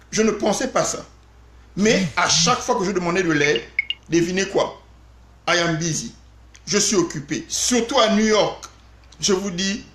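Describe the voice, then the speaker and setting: A man telling an animated story on a live stream, talking straight to his viewers. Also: high voice, echoey room. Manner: animated, addresses viewers directly.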